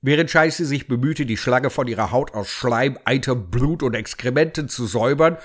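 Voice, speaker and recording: Man narrating a deadpan audio story. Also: mid-range voice, normal speed.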